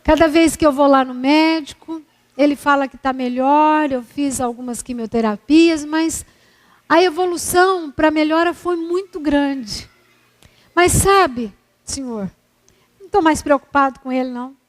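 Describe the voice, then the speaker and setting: A woman's voice: sits high, measured pace. A woman voicing a moved businessman. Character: moved middle-aged male industrialist.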